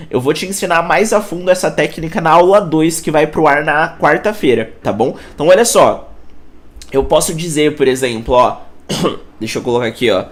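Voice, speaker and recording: A man from Brazil teaching an online English lesson, speaking directly to the viewer and slowing down to model each word. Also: fairly high pitch. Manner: energetic, talks straight to the viewer, models pronunciation slowly.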